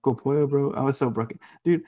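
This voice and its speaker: A man's voice: mid-range voice, fast, warm tone, highs cut off, soft background music. A young man co-hosting a podcast, telling rambling stories in casual chat, swearing a lot and laughing often. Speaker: podcast co-host.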